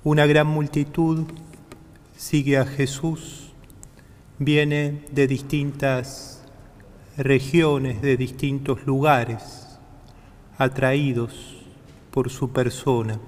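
A man, a priest, speaking solemnly and deliberately at Mass in a big church with cathedral-like echo. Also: mid-range voice, little pitch movement. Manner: measured, deliberate, drawn-out phrasing. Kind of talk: solemn gospel reading and homily at Mass. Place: large reverberant church. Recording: long cathedral-like church reverb.

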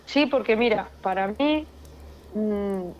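Woman from Spain, mid pitch, expressive storyteller, muffled lo-fi sound. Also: slow pace, a little hiss or hum. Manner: expressive, repeats words for emphasis. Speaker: paranormal investigator guest. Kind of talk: emotional personal storytelling.

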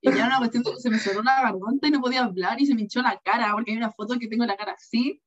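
A young woman with a Chilean accent in casual chat, telling a story with animated asides and acted-out quotes. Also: a little high, racing. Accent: Chilean Spanish. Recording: dull lo-fi sound.

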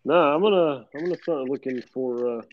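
A man's voice: medium pitch, brisk, lo-fi sound, slight background noise. A man co-hosting a casual comedy podcast, trading crude jokes and giggling. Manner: crude jokey banter, giggly. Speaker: podcast co-host.

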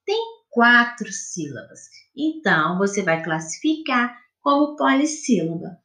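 A woman teacher with a Brazilian accent giving a recorded lesson to pupils. She explains slowly and patiently, spelling out sounds and syllables. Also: a little high, a bit bright. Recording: echoey room.

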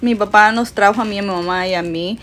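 A woman's voice: mid-range voice, steady tone, brisk, fairly bright tone, a little hiss or hum. A woman in her twenties from Mexico, chatting casually as a podcast co-host, laughing often and switching between Spanish and English. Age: 20s. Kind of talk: casual chat.

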